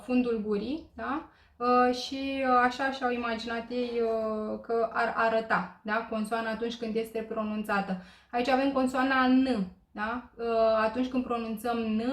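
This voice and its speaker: A woman explains a language lesson in a slightly high voice, pausing often on fillers and checking that her students follow. Her voice rings in an echoey room. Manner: hesitant, many filler pauses, checks in with listeners. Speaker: Korean language teacher.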